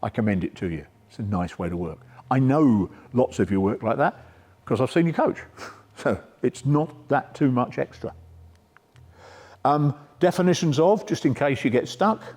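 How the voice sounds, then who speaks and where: Middle-aged male lecturer, mellow voice, informal workshop delivery, reverberant hall. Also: mid-range voice, expressive, normal speed, slightly rough. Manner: conversational, checks in with "yeah?". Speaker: sport psychology speaker. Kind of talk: coaching workshop talk.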